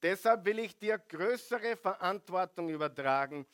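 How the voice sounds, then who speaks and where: Master figure played by a preacher, generous and delighted, loud and raised in pitch. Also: male voice, animated, moderate pace. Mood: exuberant. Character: pleased generous master praising his servants.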